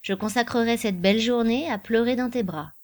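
A woman reading an audiobook, voicing a weary, melancholy young prince who speaks with quiet, bitter irony. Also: on the high side, fairly quick, no echo, studio quality, natural voice.

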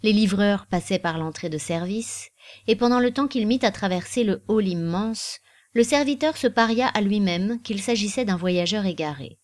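A woman narrating a literary novel as an audiobook in a measured, expressive reading. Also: mid-range voice.

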